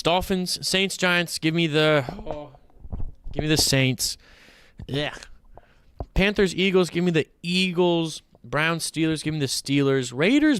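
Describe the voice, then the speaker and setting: A man hosting a casual fantasy football stream, chatty and animated, rambling with playful asides. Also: fairly high pitch, slight background noise. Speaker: fantasy football show host. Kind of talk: casual livestream commentary.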